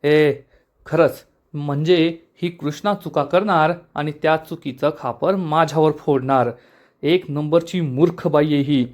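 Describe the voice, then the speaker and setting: A man voicing a scheming, sharp-tongued young wife who taunts others quickly, in a TV serial recap. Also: on the high side, fairly even intonation, lightly acted. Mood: indignant. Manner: taunting, fast mocking delivery.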